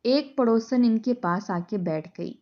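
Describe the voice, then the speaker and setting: A woman narrating an emotional moral story in a steady, dramatic way. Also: fairly high pitch, measured pace. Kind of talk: scripted narration. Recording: dull lo-fi recording.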